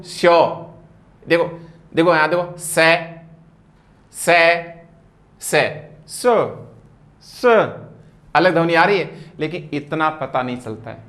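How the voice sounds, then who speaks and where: A man's voice: on the high side, fairly bright tone. A man gives an emphatic lecture on English sounds. He keeps repeating cues to look and stretches out each sound for his students. He talks as he writes on a board. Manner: repetitive, emphatic, drawn-out sounds. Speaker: English teacher. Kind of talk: classroom lecture on phonetics.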